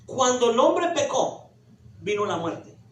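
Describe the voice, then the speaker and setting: A man preaching a fiery sermon, loud and emphatic like a ranting street preacher, hammering rhetorical questions. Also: very high-pitched, very animated, takes it slowly. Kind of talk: fiery Pentecostal-style sermon. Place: echoey church room. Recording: echoey hall, distant mic, background noise.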